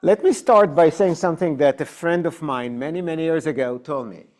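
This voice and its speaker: An Israeli-accented man who speaks Hebrew natively teaches adult education as a rabbi, holding an informal Bible class in a synagogue classroom. With a darkish voice on the high side, he explains at an unhurried pace, posing questions to the class.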